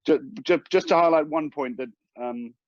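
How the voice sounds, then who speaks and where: A man who works as a mortgage broker gives advice in a measured, hesitant way with many fillers. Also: on the high side, no room sound, lo-fi sound. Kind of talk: casual advice talk.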